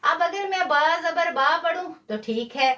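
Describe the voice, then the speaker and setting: A woman teaching a live online Quran recitation lesson, patiently spelling out sounds slowly and praising her students. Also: very high-pitched, lively intonation, bright, forceful tone.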